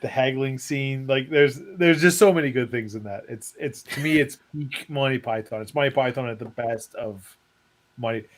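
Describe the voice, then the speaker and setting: A man's voice: mid-range voice, normal speed. Chatty Canadian man co-hosting. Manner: chatty, rambling, many restarts. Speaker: co-host. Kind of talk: casual chat.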